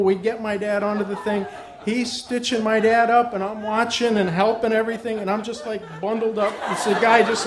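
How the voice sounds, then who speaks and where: A man telling a personal story live on stage, animated and often laughing as he speaks. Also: high-pitched.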